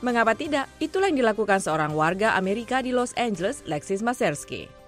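A woman's voice: on the high side, sing-song, fairly quick. A woman presenting a scripted broadcast introduction. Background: music.

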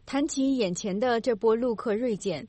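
A woman reading a scripted news report in a measured, formal manner. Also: on the high side, mellow, no echo.

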